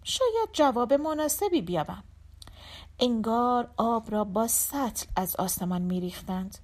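A woman narrating a short story as an audiobook, acting out the characters' lines expressively. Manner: expressive, voices characters with raised pitch. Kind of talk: storybook narration with acted dialogue.

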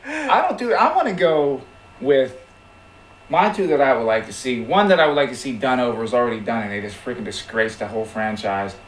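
An excitable man speaks up on a panel, punching his points with emphasis. His pitch leaps around a lot, and his voice rings through an echoey room over faint noise. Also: fairly quick. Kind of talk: casual panel chat.

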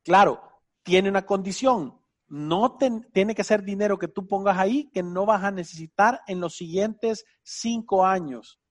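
Upbeat high-voiced Salvadoran man. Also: measured pace. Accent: Salvadoran Spanish. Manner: enthusiastic, teasing, uses vos. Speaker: financial advice host. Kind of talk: casual radio advice chat.

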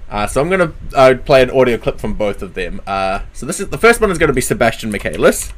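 Male host, mid-pitched voice, casual and opinionated conversational delivery with emphatic points. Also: very animated, fast talker, slight background noise. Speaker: show host. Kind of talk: casual opinionated chat about anime dubs.

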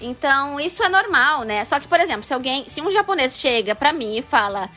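Brazilian female English teacher, high voice, earnest and didactic, soft music under. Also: lively intonation, brisk. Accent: Brazilian Portuguese. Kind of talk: casual panel chat.

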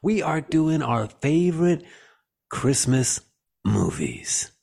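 A man's voice: a little high, big pitch swings, takes it slowly, gravelly, darkish tone, husky. Playful, profane male podcast host. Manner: playful, profane, theatrical riffing. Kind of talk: casual comic chat.

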